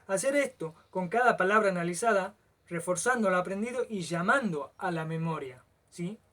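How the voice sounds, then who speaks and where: A man, teaching a lecture and often stopping to check that the listener follows, stretching some words out slowly. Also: high voice, animated, fairly bright tone.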